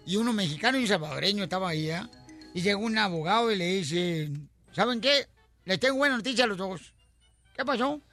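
A man hosting a radio show, loud and playfully teasing as he trades jokes. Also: high voice, expressive, brisk, faint music behind. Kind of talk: joking radio banter.

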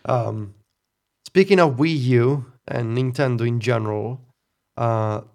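A man in his thirties talks in an easy, opinionated podcast chat. His voice carries a gravelly rasp. He sounds wry and reflective, with some laughter running through his talk. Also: medium pitch, slow pace, darkish tone. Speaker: podcast co-host. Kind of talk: casual chat.

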